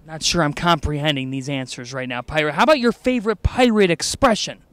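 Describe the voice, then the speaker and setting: A man's voice: fairly high pitch, a little fast, a bit bright, clean tone. A young man hosting a playful campus report, enthusiastic and jokey.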